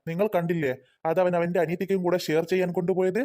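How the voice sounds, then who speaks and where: A man's voice: high-pitched, little pitch movement, racing, natural voice. A man voicing a kind father in a cartoon who patiently lectures his children. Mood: gentle. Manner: gentle, preachy, patient. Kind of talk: cartoon voice acting.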